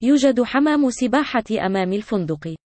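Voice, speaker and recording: A woman's voice: a little high, animated, brisk, a little mellow, no echo. A woman narrating a language lesson with scripted example sentences for learners.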